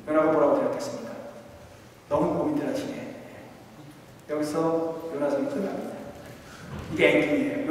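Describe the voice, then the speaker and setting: A male pastor preaching a humorous sermon, quizzing his congregation and swinging between emphatic lines and quiet asides. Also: high-pitched, slight background noise. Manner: humorous, asks the congregation questions. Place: church sanctuary. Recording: echoey church hall, distant mic.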